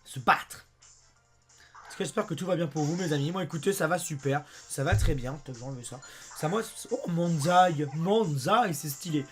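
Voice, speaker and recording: A young French man with a hoarse voice, chatting excitedly as he plays a game and talks to his viewers. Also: on the high side, fast, faint music behind. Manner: chatty and excitable, often says "mes amis" and "abusé". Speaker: let's play host. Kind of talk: casual gameplay commentary.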